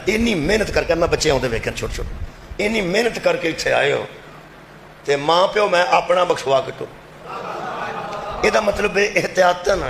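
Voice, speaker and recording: Man, Punjabi accent, preacher, gravelly voice, echoey loudspeaker sound, impassioned sermon, rhetorical questions to the crowd. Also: a little hiss or hum. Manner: impassioned, shifting between shouting and low confiding asides. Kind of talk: majlis sermon. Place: religious gathering with loudspeaker. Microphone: loudspeaker microphone.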